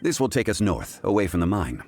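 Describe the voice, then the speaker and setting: Dignified scholarly gentleman, very low voice, expressive intonation, deliberate, formal, video game character. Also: heavy background noise. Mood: thoughtful. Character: calm, erudite, dignified gentleman investigator.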